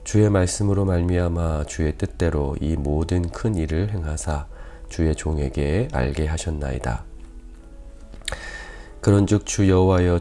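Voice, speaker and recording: A male pastor with a weakened, quiet voice, leading an early-morning prayer service and reading scripture slowly and deliberately, with many "ah" pauses. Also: very deep voice. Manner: measured, careful enunciation with frequent "ah" pauses. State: weak, quiet voice.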